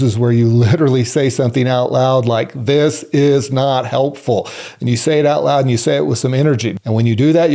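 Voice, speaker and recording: A man giving earnest self-help advice, coaching the listener and shifting between quick runs and slow emphatic phrases. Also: mid-range voice, vocal fry, dark tone. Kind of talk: explanatory talk to camera.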